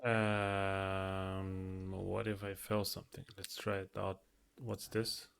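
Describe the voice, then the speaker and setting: A man casually commenting on his gameplay, thinking aloud in a relaxed, hesitant way. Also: deep voice, slow, vocal fry, clear, resonant tone. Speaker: gameplay streamer. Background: faint game music.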